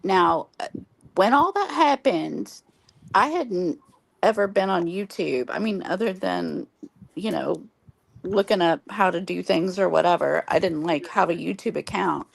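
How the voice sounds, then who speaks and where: Gravelly low-voiced woman, losing her voice. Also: animated, measured pace. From Oklahoma, US. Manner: earnest, rambling storytelling with many ums. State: losing her voice from smoky air. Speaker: livestream host. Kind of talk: casual late-night chat.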